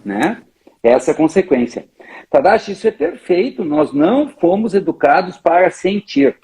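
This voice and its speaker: A man speaks in a husky, slightly breathy voice that sits high for a man. He talks emphatically, illustrating his points with little stories in a conversational interview. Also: big pitch swings, moderate pace, darkish tone. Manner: emphatic, tells stories, often addresses the other speaker by name. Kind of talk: animated conversational explanation.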